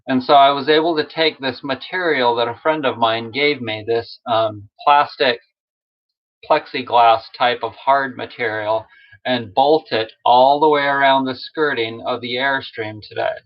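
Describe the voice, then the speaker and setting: A man's voice: medium pitch, measured pace. A man from Utah chatting casually on a live stream, rambling from topic to topic and laughing at himself. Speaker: massage tool maker and live-stream host. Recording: dull lo-fi stream audio.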